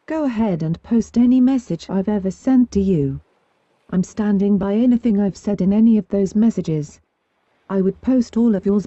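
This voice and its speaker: Very dark-voiced woman reading forum posts. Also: mid-range voice, dry recording. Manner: reads text steadily, spelling out abbreviations letter by letter. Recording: dull, lo-fi dry recording.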